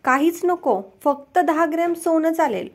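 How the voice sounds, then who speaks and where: A woman voicing a demanding, suspicious wife in a joke, with sharp, nagging questions. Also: extremely high pitch, lively intonation, measured pace, very noisy, exaggerated voice.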